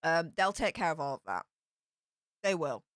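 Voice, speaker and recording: Here a woman with a low, animated voice runs a casual livestream, reading chat messages aloud and responding chattily with broad slang from her Yorkshire accent. She talks at a normal speed with a somewhat bright tone, captured in studio quality with no echo.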